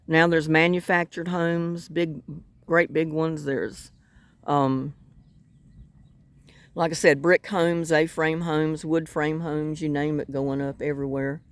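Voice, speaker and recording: Slow and low-pitched with a level tone, an older woman with a North Carolina Southern accent chats casually while fishing by the water. The vlogger rambles in a folksy, self-deprecating style, and there's no room sound.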